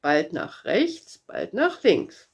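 A weary railway switchman, read aloud by a woman in a storybook, answering in a flat, matter-of-fact tone. He speaks slowly and drops a little lower. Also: vocal fry, slightly rough, lo-fi sound, heavily acted.

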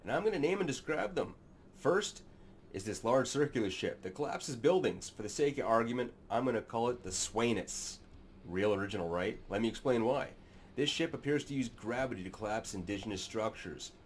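A man in his thirties runs a sci-fi narration channel, sitting in a small room and delivering sarcastic, crude, mock-serious commentary to his webcam. His mid-range voice is animated and fairly quick, with slight background noise.

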